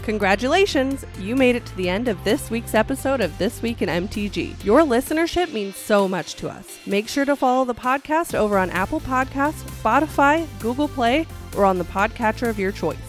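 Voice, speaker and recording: A woman's voice: a little high, animated, a little fast, few pauses, soft background music. A woman reading a scripted podcast outro in an upbeat, promotional way. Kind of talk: scripted read.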